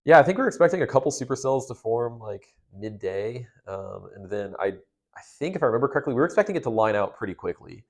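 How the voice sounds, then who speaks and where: A man's voice: medium pitch, sing-song, fast talker, darkish tone. A young man, a storm chaser, casually recounting a past experience step by step in a conversational, detailed way.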